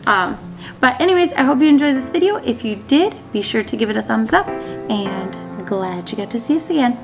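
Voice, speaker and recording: A woman's voice: on the high side, animated, normal speed, gravelly, over music. A woman in her thirties from Minnesota, chatting casually to camera in a dining room and showing seed packets, upbeat with frequent ums. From Minnesota, USA. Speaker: homesteading vlogger. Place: small indoor dining room at a wooden table.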